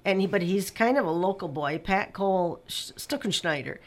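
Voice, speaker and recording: A woman's voice: mid-range voice, animated, moderate pace. A woman organizing a community event, chatting as a guest on a local radio show. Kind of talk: casual radio chat.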